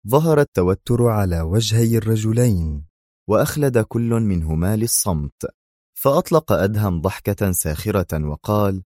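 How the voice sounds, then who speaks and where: A man narrating a thriller audiobook in an even, measured storytelling manner. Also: on the low side, dry recording, clean studio sound.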